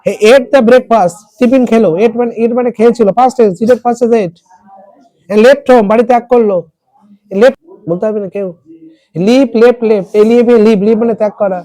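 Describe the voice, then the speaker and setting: A tutor explaining an English text in Bengali, reading lines slowly and asking students word meanings. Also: female voice, a little high, mellow, no echo. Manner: asks students questions and repeats word meanings. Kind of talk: classroom lesson explaining a text.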